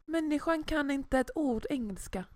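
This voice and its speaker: Young woman, casual chat, animated storyteller, bright high-ish voice. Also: dry recording. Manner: lively storytelling, acts out quotes. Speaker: podcast co-host.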